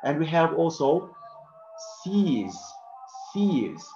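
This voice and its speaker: A man's voice: on the high side, sing-song, very slow, mellow, soft background music. A man teaching a pronunciation lesson at a board, saying each example word twice and checking in with "okay?" after each point. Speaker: English teacher. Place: classroom writing on a board. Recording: roomy, dull classroom audio.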